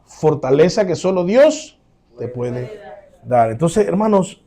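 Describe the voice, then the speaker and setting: A man preaching as a pastor, emphatic, acting out quoted voices with sudden loud rises, then closing in prayer. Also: a little high, sing-song, slow. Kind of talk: sermon.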